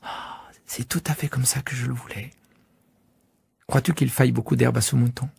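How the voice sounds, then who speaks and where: A man voicing a gentle, curious little boy prince in a storybook reading, softly and often half-whispered. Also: medium pitch, flat delivery, fast talker, gravelly, slightly rough, no room sound, pitched above the performer's own voice, heavily acted. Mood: soft wondering.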